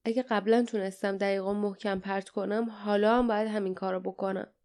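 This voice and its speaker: A woman voicing a determined young male hero, talking quickly and quietly to himself. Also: mid-range voice, fairly even intonation, smooth, lightly acted. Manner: quick, quiet self-talk.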